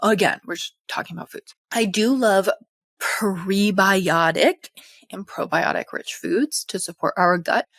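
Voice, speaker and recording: A young woman in casual educational talk, chatty and animated, a little out of breath, as a hormone health coach. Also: mid-range voice, a little slow, dry recording. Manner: chatty, animated, full of fillers. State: slightly out of breath.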